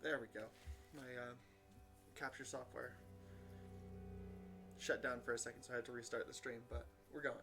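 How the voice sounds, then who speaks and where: A man's voice: mid-range voice, flat delivery, moderate pace, creaky, pauses often, over music. A man hosting a tabletop game stream as game master, talking casually with many fillers and restarts. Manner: rambling, hesitant with fillers.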